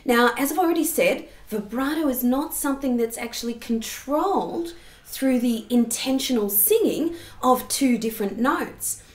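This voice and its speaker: A woman's voice: fairly high pitch, animated, moderate pace. A woman giving a singing lesson, explaining technique and demonstrating sounds. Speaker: singing teacher. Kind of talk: vocal lesson. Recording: roomy echo.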